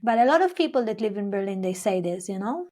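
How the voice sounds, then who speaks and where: This young woman talks quickly in a medium-pitched, mellow, sing-song voice. A singer from Israel-Palestine whose language is Hebrew, she shares her story in English during an interview, rambling with lots of fillers and restarts. She also performs the things she said in the past.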